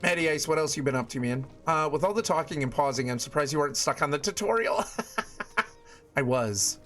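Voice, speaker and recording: A man's voice: a little high, lively intonation, a little fast, fairly bright tone. Chatty male game streamer over music. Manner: chatty, family-friendly, exclaims at small things. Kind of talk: casual live stream chat while gaming.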